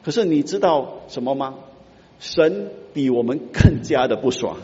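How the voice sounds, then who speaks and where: A man preaching a sermon, moving between soft asides and loud, emphatic outcries. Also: mid-range voice, expressive, normal speed. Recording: roomy reverb, muffled sound.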